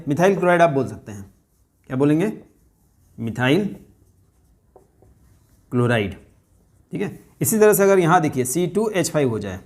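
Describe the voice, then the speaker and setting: A man's voice: fairly high pitch, a little mellow. Male teacher quizzing students. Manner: asks the class questions and repeats key terms slowly. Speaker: chemistry teacher. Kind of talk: explaining a chemistry lesson to students.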